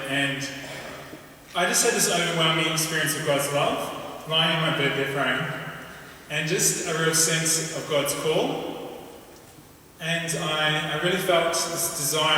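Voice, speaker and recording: A man with a broad New Zealand accent, sharing a personal testimony with a gathering in an informal, halting way. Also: a little high, pushed and bright. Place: large reverberant indoor venue. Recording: echoey hall, distant mic, faint noise.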